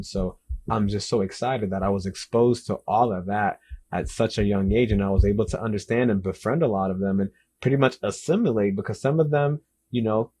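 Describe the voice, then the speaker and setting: Young man, husky, lowish voice, casual author Q&A, excited, repetitive. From Dominican Republic and the US Northeast and South. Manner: enthusiastic, repetitive, lots of "literally" and "like". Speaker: author answering interview questions. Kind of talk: casual self-interview Q&A.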